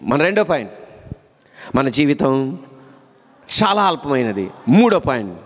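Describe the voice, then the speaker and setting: A man's voice: mid-range voice, very animated, measured pace, big-room sound. A male pastor delivering a sermon in a church, repeating rhetorical questions and building to emphatic calls. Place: church hall.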